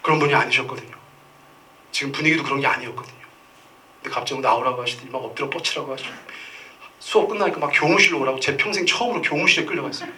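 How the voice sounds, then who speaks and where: A man's voice: medium pitch, very fast, bright, forceful tone, recorded from a distance, a little hiss or hum. A middle-aged man preaching a Sunday sermon, telling stories and acting out the voices of the people in them. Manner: storytelling, acts out quoted voices. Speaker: pastor. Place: church sanctuary.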